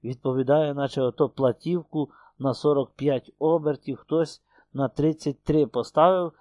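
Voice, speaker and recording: A man narrating a literary audiobook in a measured, expressive storytelling voice on a close microphone. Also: mid-range voice, no echo.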